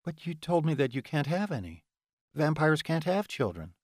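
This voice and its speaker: Male narrator doing a gentle young woman in a romance audiobook, raised pitch, soft and breathy. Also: very animated, normal speed, no room sound, clean studio sound. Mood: incredulous. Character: young woman, tender and emotional.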